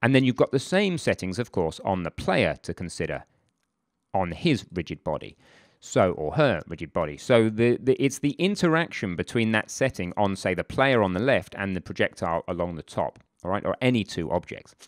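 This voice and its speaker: A man walks through a software tutorial in a relaxed, conversational way, breaking off for asides and correcting himself as he goes. His voice sits fairly low. The recording is dry and close, with no room sound. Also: normal speed, no room sound. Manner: informal, chatty, self-correcting asides. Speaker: game development instructor.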